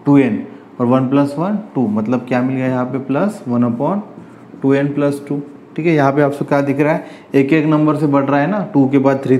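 A man's voice: mid-range voice, warm tone, slight background noise. A man teaching a maths lesson step by step, often asking rhetorical questions as he works through each line. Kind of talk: chalkboard maths lecture.

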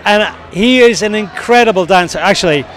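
Male interviewer, forties, high pitch, casual on-location style, heavy crowd background. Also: brisk, fairly bright tone. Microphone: handheld shotgun microphone. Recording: busy bar crowd noise behind.

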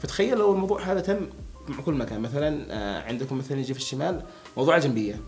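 A man's voice: mid-range voice, animated, rapid-fire, faint music behind. A young man from Hadhramaut, chatting casually with a friend and asking him questions. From Hadhramaut, Yemen. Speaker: conversation partner asking questions. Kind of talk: casual chat between friends.

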